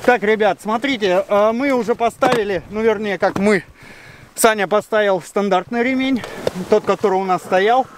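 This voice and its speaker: The snowmobile instructor, hot and sweaty, talks in a high voice at a moderate pace, chatting as he explains things hands-on for his outdoor vlog in the snowy mountains. Wind and engines can be heard throughout.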